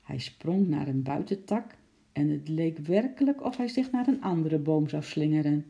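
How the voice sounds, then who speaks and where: A narrator reading a children's story aloud in a calm, even manner. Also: mid-range voice, moderate pace, vocal fry, dull audio. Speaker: audiobook narrator.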